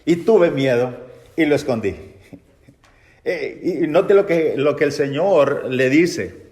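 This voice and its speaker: A man's voice: mid-range voice, darkish tone. A man teaching a Bible study lesson, asking the class questions and reading scripture aloud. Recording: echoey room.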